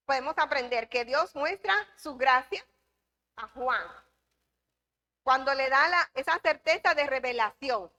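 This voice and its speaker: A high, bright, pushed female voice comes from a Dominican woman teaching a church Bible class. Her delivery is emphatic, circling back to key phrases and putting questions to the class.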